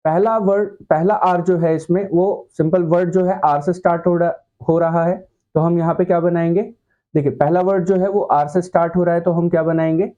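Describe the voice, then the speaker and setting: A man with a fairly high but mellow voice teaches a shorthand class, patiently quizzing the students and answering his own questions. The recording sounds dull and lo-fi. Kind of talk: classroom lesson.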